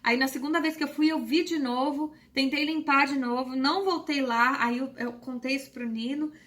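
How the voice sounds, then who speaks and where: A woman with a high, light voice tells a personal spiritual experience. She speaks softly and hesitantly, with frequent pauses and a tender, emotional tone. She is from Brazil. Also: fairly even intonation. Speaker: spiritual channel host. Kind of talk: personal storytelling to camera.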